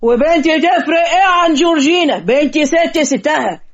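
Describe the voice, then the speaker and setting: A woman's voice: on the high side, lively intonation, fast talker, a little mellow. Woman voicing a haughty old bride's father. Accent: Egyptian. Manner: haughty, bargaining. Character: proud older father of the bride, demanding. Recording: lo-fi muffled audio.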